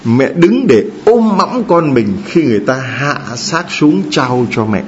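Taking an unhurried pace, a male priest delivers an animated sermon, acting out quotes and posing rhetorical questions to those listening. His voice swoops dramatically, rising high to stress points and dropping low and soft. A faint hiss sits behind the slightly dull recording.

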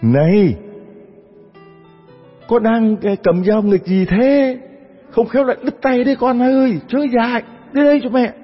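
A man's voice: very high voice, measured pace, long pauses, big-room sound, lo-fi sound, soft background music, voice pushed up. A man voicing a fussy mother who dotes on and scolds her small son in a told folk tale. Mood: fussing. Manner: fretting, scolding, doting.

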